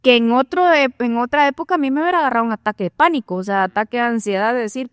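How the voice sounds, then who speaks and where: Animated woman telling a story. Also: fairly high pitch, racing, clean tone, no echo, clean studio sound. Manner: animated storytelling, acts out her own inner thoughts. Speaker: guest sharing testimony. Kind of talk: conversational testimony.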